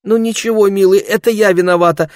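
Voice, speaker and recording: A man reading aloud voices a fussy, absent-minded mother who soothes her grown children in a high, cooing voice. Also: fairly even intonation, brisk, a little mellow, no room sound, clean studio sound, close to an everyday voice. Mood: soothing, fussing. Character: fussy soothing mother, middle-aged woman.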